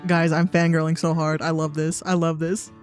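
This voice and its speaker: A woman casually commenting while playing a visual novel, excitable, reading on-screen text aloud. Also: sits low, moderate pace, faint music behind.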